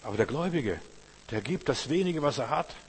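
A man preaching a sermon, emphatic and repetitive, swinging between loud and hushed passages. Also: medium pitch, expressive, brisk, breathy edge. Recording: long reverb with faint hum.

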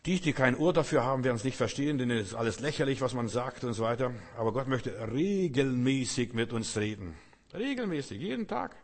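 A middle-aged man, a pastor, preaching a sermon with emphatic swings between loud calls and hushed, drawn-out phrases. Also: medium pitch. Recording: long reverb of a large hall.

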